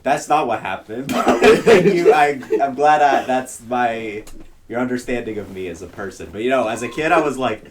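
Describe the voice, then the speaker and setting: A man in casual podcast chat, telling stories in a slow, halting, self-mocking way. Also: mid-range voice, expressive. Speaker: podcast co-host. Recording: noisy background with clicks.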